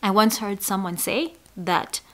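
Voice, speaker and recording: A woman psychologist explaining a mental health topic to camera, speaking emphatically and dropping to soft, breathy asides on key points. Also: mid-range voice, a little slow. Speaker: psychologist hosting an educational channel.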